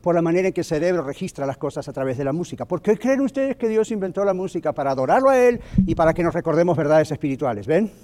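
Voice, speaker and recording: Fast-talking pastor teaching his congregation. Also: on the high side, animated, darkish tone. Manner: asks the audience frequent questions; drops into English words now and then.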